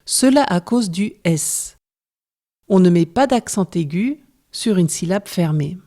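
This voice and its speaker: Slow, careful woman teaching French. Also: on the low side, expressive, mellow. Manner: slow, careful, explains step by step. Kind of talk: scripted lesson narration.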